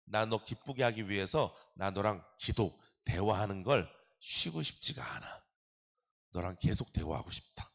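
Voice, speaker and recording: A man voicing the Lord as a gentle, tender presence speaking softly and intimately to a believer. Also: on the low side, expressive, moderate pace, creaky, voice pushed down. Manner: soft, intimate, pleading.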